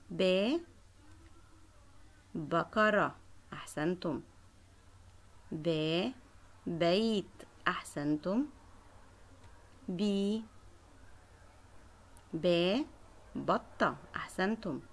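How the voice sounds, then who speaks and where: A woman teacher leading a children's Arabic letter lesson, sounding out syllables clearly and praising her pupils. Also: fairly low pitch. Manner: slow, clearly drawn-out syllables.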